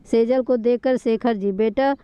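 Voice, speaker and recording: A woman calmly narrating a scripted family drama story. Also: a little high, measured pace, smooth, no echo. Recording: dull lo-fi recording.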